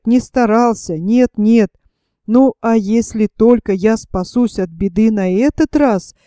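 A woman voicing a clever, bossy boy who talks in hushed, knowing, urgent tones. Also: a little high, clear, resonant tone, no room sound, clean studio sound, close to an everyday voice. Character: boastful clever boy, scared but trying to lead.

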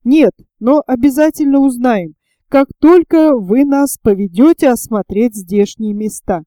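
A woman's voice: a little high, unhurried, no room sound, clean studio sound, close to an everyday voice. A woman reading the part of a stubborn, plain-spoken male sailor who talks insistently. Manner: insistent, excited.

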